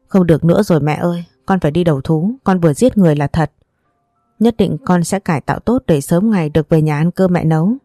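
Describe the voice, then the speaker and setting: A woman's voice: on the low side, quick pace, warm tone, no echo, clean studio sound, faint music behind, lightly acted. A woman voicing a young male soldier, a remorseful son, in a choked, pleading tone. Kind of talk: storybook dialogue reading.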